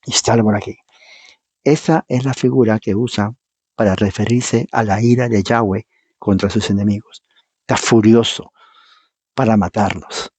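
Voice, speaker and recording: A man's voice: lowish voice, fairly even intonation, normal speed, a little mellow, husky. A man preaching a Bible teaching sermon, reading verses aloud and explaining them, emphatic and firing rhetorical questions at the congregation.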